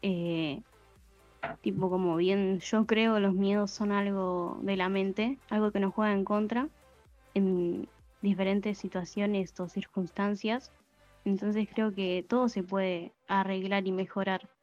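A woman's voice: medium pitch, fairly even intonation, slow pace, darkish tone, no room sound. A young woman co-hosting a casual podcast, speaking in an earnest, reflective way. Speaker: podcast co-host. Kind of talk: casual chat. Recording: dull muffled sound with faint music.

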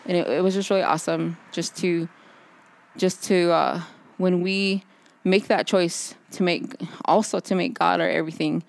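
Soft-spoken woman chatting about faith. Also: lowish voice, fairly even intonation, vocal fry. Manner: halting, many restarts and fillers. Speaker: podcast co-host. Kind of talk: casual faith chat. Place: outdoors under a backyard overhang by a fire pit.

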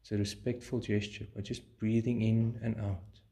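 A man leading a guided meditation in a calm, soothing, measured way, pausing between short phrases. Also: fairly low pitch.

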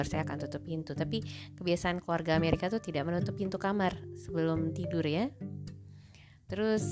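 Indonesian woman, slightly low voice, casual chatty storytelling that slips into English, over music. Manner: chatty, lots of fillers, switches into English phrases. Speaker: storyteller recalling an exchange year. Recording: clear music playing under the voice.

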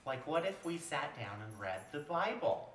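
A man hosting a casual podcast chat, high and relaxed, rambling with lots of fillers. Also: normal speed, echoey room, slight background noise. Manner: laid-back, rambling with fillers. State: high on cannabis. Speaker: podcast host.

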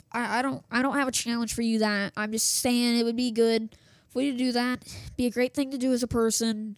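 A woman with a fairly high voice hosts a small radio news show from her home office, losing her voice as she chats casually. She keeps interrupting herself, rambling with plenty of fillers and restarts. Her desktop setup with a small soundboard picks her up without echo.

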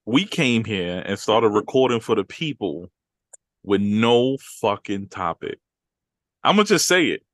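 A man's voice: on the low side, sing-song, a little slow, no echo, clean studio sound. A man co-hosting a podcast in casual, teasing, slangy banter. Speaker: podcast co-host.

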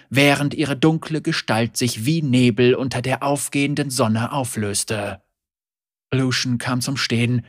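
A man narrating a German adventure story in an expressive, dramatic way. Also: medium pitch, no room sound, studio quality. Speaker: audiobook narrator. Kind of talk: scripted narration.

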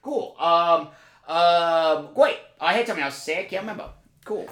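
A man hosting a comedy podcast, excitable and mock-enthusiastic with quick reactions. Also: on the high side, echoey room. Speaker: podcast host. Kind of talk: improvised comedy chat.

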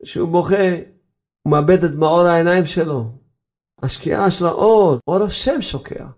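A man, a rabbi, giving an animated sermon full of rhetorical questions and frequent laughter. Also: high-pitched.

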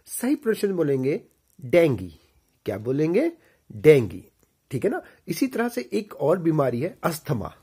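A man's voice: on the high side, huge pitch swings, brisk, hardly any pauses, dark tone, breathy edge. A man teaching pronunciation, saying each word and then asking the listener to repeat it back. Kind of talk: spoken lesson.

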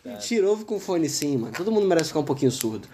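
A man's voice: fairly high pitch, big pitch swings, rapid-fire, dark tone. A Brazilian man co-hosting a casual podcast chat, talking in street slang and swearing often. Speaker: podcast co-host. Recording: noticeable background noise.

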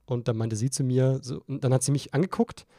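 A young man rambling through a tipsy podcast story, restarting sentences as he goes. His voice is mid-pitched and recorded dry and close, with no room sound. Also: fairly even intonation, brisk, mellow, dry recording. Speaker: podcast co-host. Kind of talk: casual chat.

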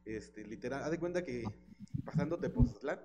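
A man's voice: medium pitch, normal speed, poor audio. Chatty Mexican man, easygoing. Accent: central Mexican Spanish. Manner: relaxed, chatty, quotes people in playful voices. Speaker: host. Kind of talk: casual conversation.

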